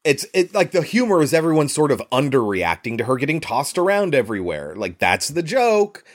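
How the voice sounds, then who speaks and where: A man's voice: on the high side, big pitch swings, a little fast. A man talking casually and sarcastically while reviewing a film, with the odd swear.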